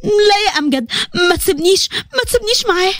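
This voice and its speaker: A hurt young wife, voiced by a female storyteller speaks high and quick with an Egyptian Arabic accent. Her voice stays tearful and bitter, in a dry, close storybook read. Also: lively intonation, fairly bright tone, no echo.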